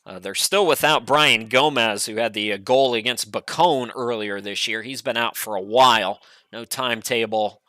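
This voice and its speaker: Bright-voiced male soccer commentator. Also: medium pitch, moderate pace, hardly any pauses, no room sound. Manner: relaxed, chatty, frequent "uh" fillers. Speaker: play-by-play commentator. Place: home studio.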